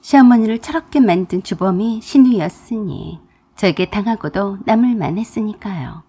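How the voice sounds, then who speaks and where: A young adult woman narrating a dramatized story in an expressive, emphatic storytelling manner. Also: medium pitch, moderate pace, husky.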